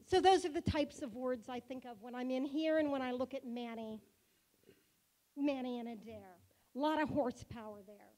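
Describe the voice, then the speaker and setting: A woman, the synagogue president, giving a joking, warm-hearted speech at a banquet held in a car museum hall. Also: sits high, normal speed. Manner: playful, joking speaker.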